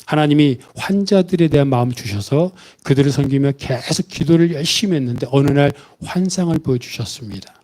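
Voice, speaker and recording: Mellow-voiced male pastor telling a story. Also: on the high side, a little fast, hardly any pauses. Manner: storytelling, acting out quoted voices. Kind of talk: Sunday sermon.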